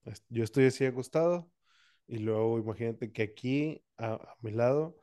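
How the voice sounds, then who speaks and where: A man's voice: medium pitch, moderate pace, mellow, smooth, dry recording, clean studio sound. Young man telling a story. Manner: rambling, restarts, acts out his own cries. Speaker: podcast co-host. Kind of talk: casual storytelling.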